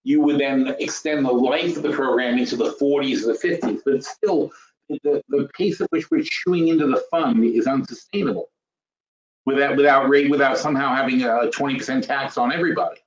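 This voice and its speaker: A fifty-five-year-old man, a webinar host and trading educator, gives an informal financial lecture in a mid-range voice with lively intonation and a slightly fast pace. He's blunt and emphatic, thinking aloud, repeating phrases and posing rhetorical questions. The webinar audio is roomy, dull and lo-fi.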